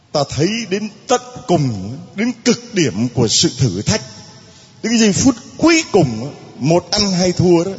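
A man's voice: high voice, a little mellow, breathy edge, long reverb tail, highs cut off. A male priest preaching a sermon to a congregation, emphatic and dramatic, with heavy repetition. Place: church.

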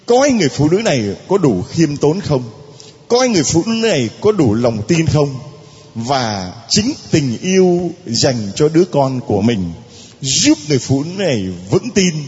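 A man's voice: fairly high pitch, darkish tone, breathy edge, long reverb tail, muffled recording. A male priest preaching a sermon to a congregation, emphatic and dramatic, with heavy repetition. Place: church.

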